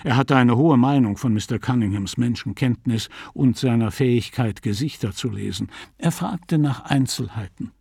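A man narrating a literary story in a measured, even storytelling voice. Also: mid-range voice, creaky, slightly rough, dry recording, clean studio sound. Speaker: audiobook reader.

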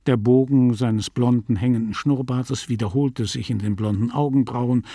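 Gravelly male audiobook narrator. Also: medium pitch, steady tone, moderate pace, dark tone, no room sound, clean studio sound. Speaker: audiobook reader. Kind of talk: scripted literary narration.

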